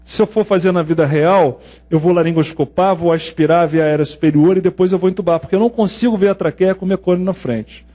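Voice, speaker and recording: A man with a Brazilian Portuguese accent lectures on newborn care for an exam. His voice sits fairly high, and he teaches in a lively way, slipping into short acted scenes from the delivery room. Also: fast talker. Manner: lively storytelling, acts out scenes. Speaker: pediatrics lecturer. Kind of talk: exam prep medical lecture.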